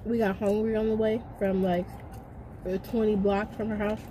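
A young woman hosting a casual vlog from her car, chatty and playful, talking loudly. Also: medium pitch, level tone, moderate pace, low-quality recording. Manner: chatty, loud and playful, hollering over the noise. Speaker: vlog host. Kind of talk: casual chat. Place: car with the window down. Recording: traffic noise through an open car window.

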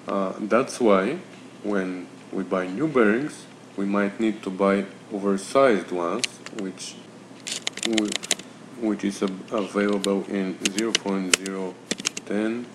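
A man narrates a workshop tutorial. He works through numbers methodically, with pauses and fillers. Faint ambient noise sits behind him in the garage. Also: fairly low pitch. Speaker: home mechanic explaining engine measurements.

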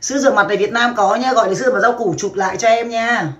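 A woman's voice: on the high side, racing, a bit bright, a little hiss or hum. A woman from Vietnam in her thirties, chatting brashly and crudely on a casual livestream and laughing often. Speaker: livestream seller.

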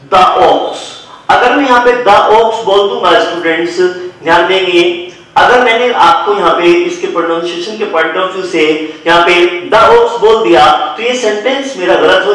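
High-voiced man teaching in an echoey room. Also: a bit bright, recorded from a distance. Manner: explains step by step, addressing the students directly; mixes English words and examples into the explanation. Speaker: English grammar teacher. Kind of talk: classroom-style video lesson.

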